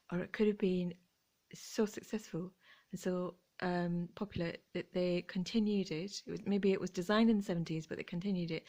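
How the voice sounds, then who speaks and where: Woman, casual vlog chat, gushing, soft whispered asides. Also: fairly low pitch. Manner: chatty, gushing, dips into whispers. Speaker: vlogger.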